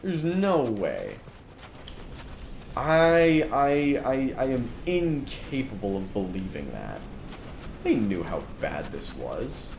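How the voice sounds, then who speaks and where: A man's voice: mid-range voice, huge pitch swings, slow, vocal fry. A man streaming a game, giving live let's-play commentary in an exasperated rant, with frequent restarts. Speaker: gaming streamer. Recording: echoey room with background noise.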